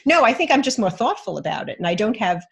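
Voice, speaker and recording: A woman's voice: mid-range voice, sing-song, quick pace, gravelly, a little hiss or hum. A woman co-hosting a podcast in casual conversation, talking reflectively and searching for her words. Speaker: podcast co-host.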